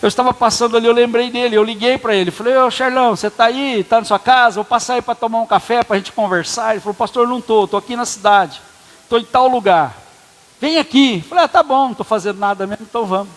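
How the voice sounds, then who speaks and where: A man's voice: very high voice, fast, a bit bright. A man preaching as a pastor, telling a personal story in a casual, conversational way and acting out the dialogue. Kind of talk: sermon storytelling. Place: church hall. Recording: long church reverb.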